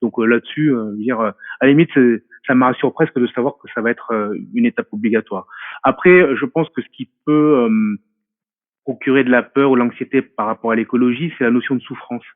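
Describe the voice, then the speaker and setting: A man's voice: medium pitch, fairly quick, dry recording. Hesitant man on a tinny line. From France. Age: 40s. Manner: hesitant and reflective, many fillers and restarts. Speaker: guest. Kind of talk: casual interview talk. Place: remote call from a mountain home. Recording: tinny dry phone-like line.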